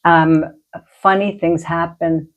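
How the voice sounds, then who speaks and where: A woman's voice: lowish voice, level tone, slow pace, lo-fi sound. A middle-aged woman, a healer and medium, chatting and telling stories, acting out the voices she quotes. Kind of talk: casual chat, storytelling.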